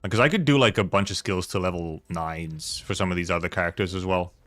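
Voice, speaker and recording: A deep-voiced man talks fast while streaming a video game, his tone fairly bright and free of echo. His commentary is casual and rambling, full of hesitant thinking aloud and repeated words, set against faint game music.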